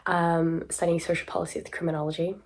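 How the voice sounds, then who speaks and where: A woman in her twenties from South Africa, talking casually and candidly to camera, hoarse from a sore throat, with a smoker-like rasp. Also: fairly low pitch, flat delivery, fast. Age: 20s. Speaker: student vlogger.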